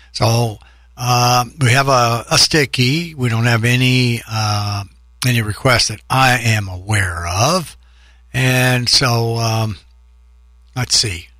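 A man's voice: lowish voice, sharp tone, breathy edge, dry recording, clean studio sound. A man hosting a home music podcast, talking in a loose, chatty, upbeat way. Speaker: podcast host. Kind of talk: casual rambling show talk.

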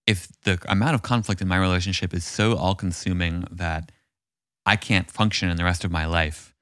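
A man's voice: sits low, steady tone, moderate pace, a bit bright, dry recording, studio quality. A man co-hosting a podcast, talking through relationship advice in a thoughtful, musing, encouraging way. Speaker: podcast co-host. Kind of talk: casual relationship chat.

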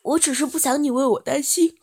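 A woman's voice: sits high, fairly even intonation, fairly quick, a little mellow, a little hiss or hum. Woman voicing a shy stammering teenage boy. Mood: nervous, pleading. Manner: stammering, nervous.

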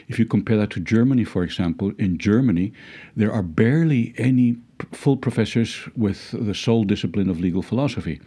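This is a legal philosophy professor, a middle-aged Dutch-accented man whose low voice is husky and dark in tone. Reflecting during an interview, he hesitates a lot, restarting, filling pauses, and letting out wry little chuckles.

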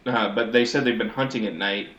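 A man's voice: lowish voice, fairly even intonation, brisk, fairly bright tone, dull audio. A man co-hosting a podcast, giving a wry, rambling recap of a TV episode in casual chat. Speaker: podcast co-host. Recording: echoey audio, as if in a sewer.

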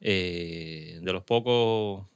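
In a small studio, a Puerto Rican man hosts a podcast, keeping the interview casual, laughing often, and chatting his way into tangents. His low-pitched voice is very slow and smooth, recorded dry. He comes from Puerto Rico and has a Puerto Rican Spanish accent.

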